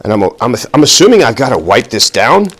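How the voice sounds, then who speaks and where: A man's voice: mid-range voice, very animated, brisk, husky. A middle-aged man hosting a casual cooking vlog, talking while he works, nervous and self-deprecating, rambling with fillers and a little out of breath. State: out of breath at times. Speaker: cooking video host.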